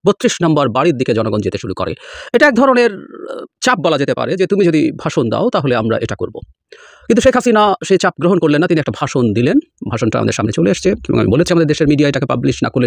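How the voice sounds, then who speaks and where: A man's voice: medium pitch, dry recording, clean studio sound. A man giving scornful, emphatic political commentary in a solo video, with English phrases mixed in.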